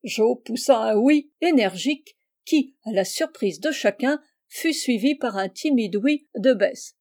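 A woman reading a classic novel aloud with lively expression. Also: on the high side. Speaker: audiobook reader. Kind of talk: scripted storybook narration.

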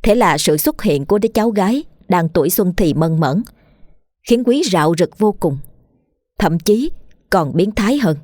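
A woman narrating a horror story in a steady, measured reading. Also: fairly low pitch, no room sound, studio quality.

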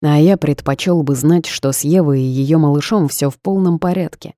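A woman voicing a smug, seductive male boss who speaks calmly and commands. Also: low-pitched, moderate pace, no room sound, studio quality, lightly acted.

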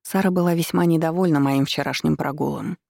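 A woman narrating a first-person audiobook in a steady, measured way. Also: deep voice, creaky, no room sound, clean studio sound.

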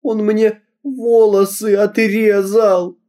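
A man voicing a tearful teenage schoolgirl who pleads desperately in a high, strained voice. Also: expressive, moderate pace, warm tone. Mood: hysterical.

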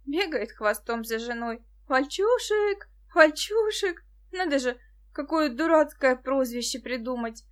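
A woman reading the part of a lively, practical, outspoken girl in an audiobook. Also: high voice, unhurried, voice pushed up.

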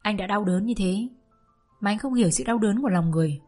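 A woman's voice: mid-range voice, quick pace, dark tone, faint music behind, lightly acted. A woman voicing a young man's friend who speaks firmly and admonishingly. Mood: stern. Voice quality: firm, admonishing. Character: stern, earnest young man friend.

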